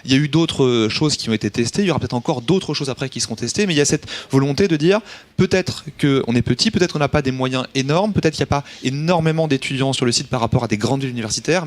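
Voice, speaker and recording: A man hosting a live studio talk show, explaining things in a lively way. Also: medium pitch, quick pace. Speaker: host. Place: small studio set.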